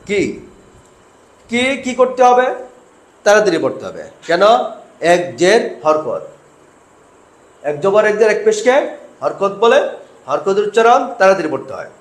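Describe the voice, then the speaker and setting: A man's voice: high-pitched, roomy sound, rough recording. A man teaching Quran recitation step by step, asking questions and answering them himself while he drills syllables.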